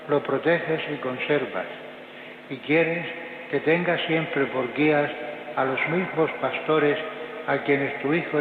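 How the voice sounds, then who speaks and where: A man, a priest, intoning the prayers of Mass with a cathedral echo, in a solemn, measured way. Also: fairly high pitch. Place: large church. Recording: tinny phone-like recording of a cathedral with long echo and background noise.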